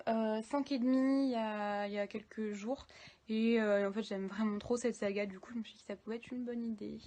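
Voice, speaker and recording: A young woman talking casually about her reading in a book vlog, filmed on her phone, often pausing with fillers. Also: a little high, darkish tone. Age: young adult. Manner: chatty, many hesitations and fillers. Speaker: book vlogger. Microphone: phone camera.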